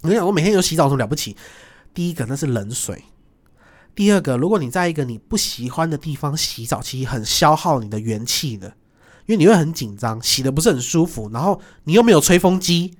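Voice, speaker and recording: Brief: young man, a bit high-pitched, rapid animated storyteller. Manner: animated, quick, acts out voices in his stories. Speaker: guest. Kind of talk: storytelling in casual chat.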